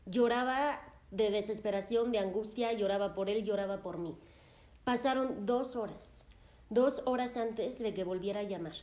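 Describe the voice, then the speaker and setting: Woman therapist, calm narrator. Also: medium pitch, normal speed. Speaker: psychotherapist. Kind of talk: first-person storytelling narration. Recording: roomy echo.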